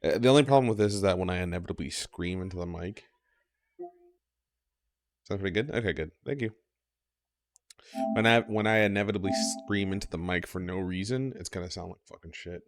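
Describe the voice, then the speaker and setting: Streamer, male, low gravelly voice, rambling and profane, at a home setup with the mic just under his mouth. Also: brisk, pauses often, no echo. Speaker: game streamer. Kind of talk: casual live-stream chat. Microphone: mic just below the mouth.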